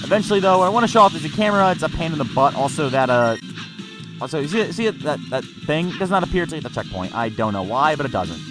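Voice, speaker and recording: Very animated and fast, a man with a fairly high voice reviews gameplay as a let's play narrator. His casual talk rambles, often doubling back to repeat or correct himself mid-sentence, over game music.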